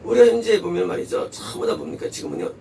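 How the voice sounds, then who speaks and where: A male pastor delivers a sermon with a gravelly voice that swings widely in pitch. He preaches emphatically, asks rhetorical questions and repeats words for stress. He is picked up from a distance, with faint background noise. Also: huge pitch swings, very fast, mellow. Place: church.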